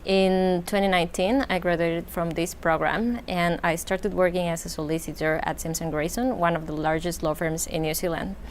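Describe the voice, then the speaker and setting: A woman's voice: lowish voice, fairly even intonation, moderate pace, hardly any pauses, slight background noise. A woman from Mexico City, a law graduate now working as a solicitor, giving a formal, well-ordered answer on a panel. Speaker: alumna, solicitor.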